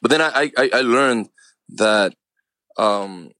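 Appearing as an interview guest in casual conversation, this man of around forty, an actor and filmmaker whose first language is Spanish, talks earnestly with a Cuban accent and sprinkles in "man" and "you know". He's animated yet slow-paced, with a mid-range, bright, forceful voice and no room sound.

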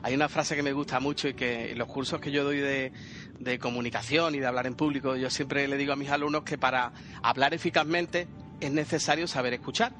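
A man who trains people in public speaking, musing aloud and asking questions in a relaxed podcast conversation. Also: mid-range voice, fairly quick, faint music behind. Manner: reflective, asks questions, hesitant restarts.

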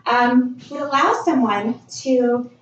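A woman's voice: high voice, slow pace. A woman hosting a podcast in a conversational interview style. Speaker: podcast host. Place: indoors at a med spa. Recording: echoey room, distant dull mic, faint noise.

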